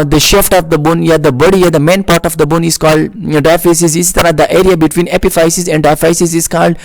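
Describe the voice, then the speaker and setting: A man with a Pakistani Urdu accent gives a slow, repetitive nursing lecture over slides, with frequent "uh" fillers. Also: high-pitched, vocal fry, no room sound. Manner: explains slowly, repeating terms, with frequent "uh" fillers. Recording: dry close recording.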